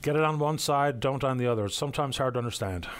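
A man hosts a call-in show in a smooth radio-host manner, easygoing and courteous with each caller. He talks into a headset microphone. His voice is starting to give out and turn hoarse. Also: medium pitch, quick pace, background noise. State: voice going hoarse.

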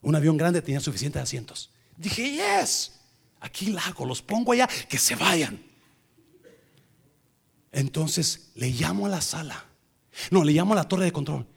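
Animated preacher, gravelly voice. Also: male voice, on the high side, moderate pace, pauses often. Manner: animated, mixes English into Spanish, acts out dialogue. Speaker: preacher telling a personal story. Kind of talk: sermon storytelling.

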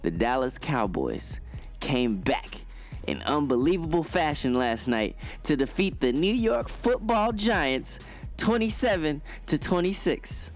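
A man hosting a sports show, delivering commentary in a booming, hyped-up motivational style. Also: sing-song, a little slow. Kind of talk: sports commentary monologue over music. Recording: music playing behind the voice. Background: music bed.

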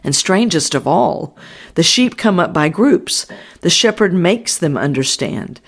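A man reading an audiobook voices a devout older male shepherd who tells of his flock in a mellow, earnest way. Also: on the high side, expressive, measured pace, creaky, heavily acted. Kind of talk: audiobook narration.

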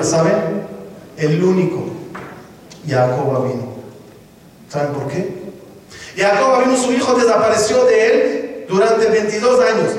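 A man's voice: high voice, very echoey, long reverb tail, far from the mic, rough recording. A man giving a sermon, telling stories and asking the audience rhetorical questions. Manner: stops to give instructions to a helper. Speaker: rabbi giving a talk.

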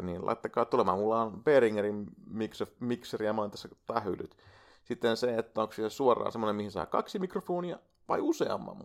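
A man talks alone into a USB microphone for his own podcast, rambling and swearing casually as he addresses listeners. His voice has a gravelly, fry-laden edge. His pitch swings around animatedly as he talks. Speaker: podcast host. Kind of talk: casual solo podcast monologue. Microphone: USB microphone into a laptop.

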